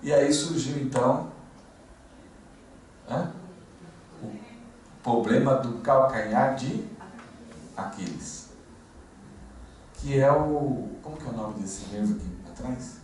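A man's voice: medium pitch, takes it slowly, pauses often, darkish tone. A man, preaching an expository sermon in a casual, storytelling way with frequent fillers and restarts. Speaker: pastor. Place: church hall. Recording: echoey room, distant mic, faint noise.

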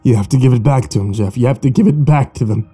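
A man's voice: medium pitch, quick pace, mellow, breathy edge. A man voicing a dying man who speaks weakly and fearfully. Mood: fearful, pleading. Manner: weak, haunted muttering.

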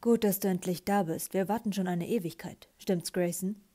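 Woman doing a calm, hypnotic young man. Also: fairly low pitch, moderate pace, lightly acted. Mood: soothing. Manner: soothing, hypnotic tone.

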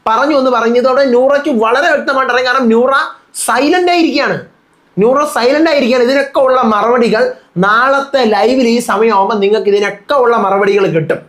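Malayali guy doing rapid reality show commentary, insistent, keeps retelling what everyone said. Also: very high voice, a bit bright. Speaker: show reviewer and host. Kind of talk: fast live-update commentary.

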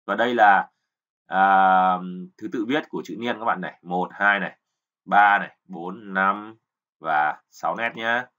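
A man's voice: sits low, unhurried, bright, forceful tone, highs cut off. A man teaching kanji, patiently explaining and repeating words, often checking with learners. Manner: keeps asking "right?" to check learners. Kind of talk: explanatory lesson.

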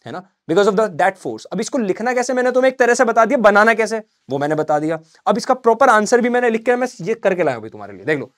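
A man teaching an exam-prep lesson, slowly dictating English answers and explaining in chatty Hindi. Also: sits high, animated, fairly bright tone, dry recording, studio quality.

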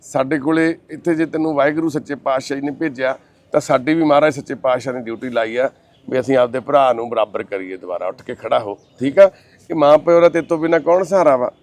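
A man speaking as a social worker, comforting a family and addressing his viewers with reassuring, fatherly words. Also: mid-range voice. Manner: warm, reassuring, calls others son and sister; recites prayer in a slow chanting voice. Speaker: social worker hosting the channel. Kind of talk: comforting talk and appeal to viewers.

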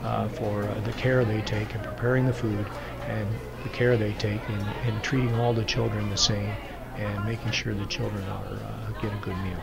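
A man reporter, narrating his day in plain, measured words with frequent pauses. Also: on the low side, flat delivery, creaky, over loud music, a loud crowd. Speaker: local news reporter. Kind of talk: recorded voice-over narration.

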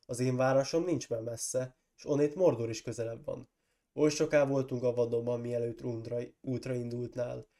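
Reading like a storybook narrator, a hoarse man with a cold gives a gravelly, mellow voice to a proud, forceful warrior lord. The mid-range delivery is steady and lightly acted, the mood coaxing, yet the lord keeps insisting and rises into loud, accusing outbursts.

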